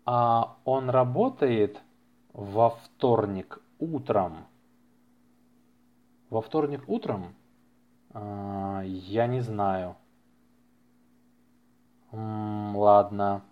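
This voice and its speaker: A man with a fairly low voice hosts a language-learning podcast, reading practice dialogues with careful enunciation and repeating phrases for learners. He draws out his words and leaves long pauses. The lo-fi recording sounds slightly muffled.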